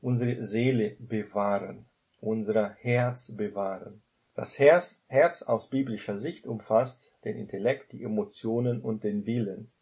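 A man's voice: fairly low pitch, steady tone, unhurried, a little mellow. A man giving an informal Bible study talk, explaining verses conversationally with many filler tags and restarts. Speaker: Bible teacher.

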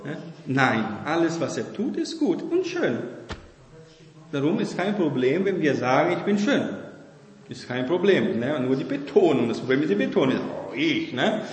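A man's voice: a little high, very animated, moderate pace. Man preaching in an echoey hall. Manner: conversational preaching with frequent "ne?" tags. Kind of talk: sermon. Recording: echoey hall with long reverb.

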